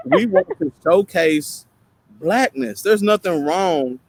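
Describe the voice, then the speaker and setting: A man's voice: sits high, lively intonation, takes it slowly, vocal fry, slight background noise. Man with an East Tennessee Appalachian twang. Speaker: show co-host. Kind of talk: casual, conversational talk show chat.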